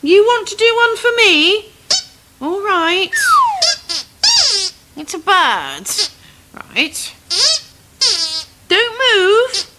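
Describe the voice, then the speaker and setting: Bossy, exasperated scout leader. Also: female voice, very high-pitched, very animated, very slow, long pauses, noisy background, full character voice. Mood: instructing. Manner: bossy, patient, exasperated instructions. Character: brisk middle-aged female scout leader, fond but exasperated. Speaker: scout leader in a children's puppet show. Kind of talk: children's TV comedy acting. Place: outdoor garden set.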